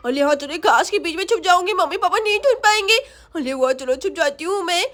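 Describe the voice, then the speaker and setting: A woman's voice: extremely high pitch, animated, fast talker, fairly bright tone. A woman voicing a panicky, tearful schoolgirl doll. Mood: scared. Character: frightened young schoolgirl doll.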